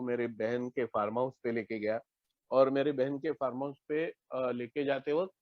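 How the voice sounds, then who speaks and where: Man with a Mumbai Hindi accent, mid-pitched, sharing his story on a dull, dry online call. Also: no room sound. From India. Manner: conversational, acts out both sides of phone talks. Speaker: AA member sharing recovery story. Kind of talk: personal testimony in an online meeting. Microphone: online call mic.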